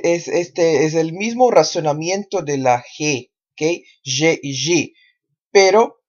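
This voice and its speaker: A man whose first language is Portuguese, teaching pronunciation in an online lesson, slowly repeating syllables for the listener to echo. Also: fairly high pitch, darkish tone, dull audio.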